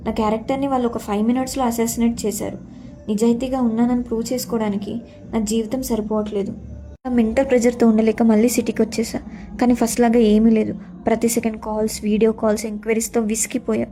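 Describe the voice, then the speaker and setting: A woman's voice: a little high, level tone, fast, warm tone, soft background music. A young woman narrating her own story in the first person, earnest and sorrowful.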